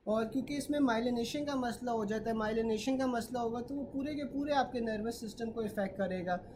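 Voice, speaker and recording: A woman's voice: on the high side, noisy background. A woman teaching a medical class online, explaining step by step and often checking that students follow. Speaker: medical tutor.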